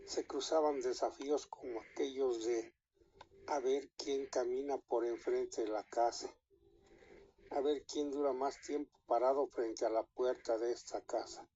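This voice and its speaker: A man with a Mexican accent telling a scary story in an unhurried way, with small restarts mid-sentence. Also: medium pitch, fairly even intonation, mellow, breathy edge, muffled recording.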